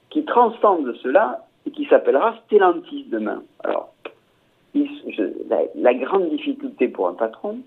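Man, husky voice, thin telephone sound, radio talk, hesitant, repeats words, lots of euh. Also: medium pitch. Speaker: commentator. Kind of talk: radio discussion. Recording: tinny phone-line radio sound.

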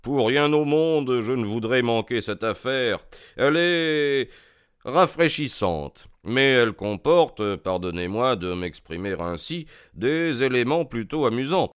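A man voicing a brisk, amused male detective in an audiobook, with crisp, drawn-out emphasis. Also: mid-range voice, expressive, no echo, clean studio sound, natural voice. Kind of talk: audiobook character voice.

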